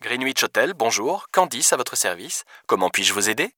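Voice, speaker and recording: A man voicing a polite young female hotel receptionist who speaks softly and formally. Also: medium pitch, big pitch swings, moderate pace, dry recording, clean studio sound, pitched above the performer's own voice. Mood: courteous. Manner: soft, formal, courteous.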